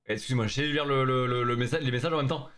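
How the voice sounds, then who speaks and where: A man's voice: mid-range voice, very fast, a bit bright. A young man chatting with his viewers during a live stream, joking in slangy talk. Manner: slangy, joking, talks straight to chat.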